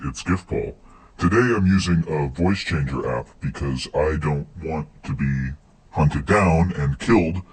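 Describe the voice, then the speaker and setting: Man disguised by a deep voice changer. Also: breathy edge, rough recording. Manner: rambling, halting restarts. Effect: voice changer app making the voice very deep. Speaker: listener leaving a voicemail. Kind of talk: casual recorded voicemail.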